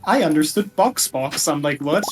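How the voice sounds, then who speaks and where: Stream companion: casual chat, medium pitch, soft music underneath. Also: animated, moderate pace. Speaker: co-player chatting along.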